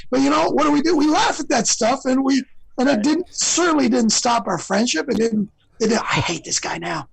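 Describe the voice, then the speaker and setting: A man's voice: extremely high pitch, a little fast, vocal fry, husky, no echo, rough recording. A man guest on an interview show, chatting casually and rambling through stories with lots of fillers. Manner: rambling storyteller, many fillers. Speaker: guest singer.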